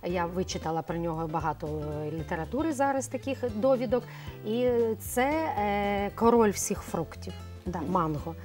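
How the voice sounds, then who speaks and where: A woman's voice: mid-range voice, lively intonation, moderate pace, darkish tone, soft background music. A middle-aged woman, a cosmetologist guest on a morning TV show, explaining things in a chatty way with frequent hesitations. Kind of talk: morning TV studio conversation.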